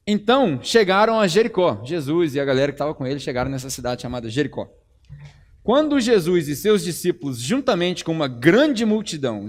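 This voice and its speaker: A Brazilian man preaches a sermon in a church with a relaxed, chatty tone. His voice sits high and he tells the story with a lot of energy. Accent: Brazilian Portuguese. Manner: conversational, animated storytelling. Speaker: pastor.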